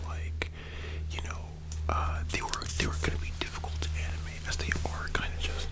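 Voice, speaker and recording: Soft, breathy ASMR whisper, casual and musing. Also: rough recording. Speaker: ASMR video host.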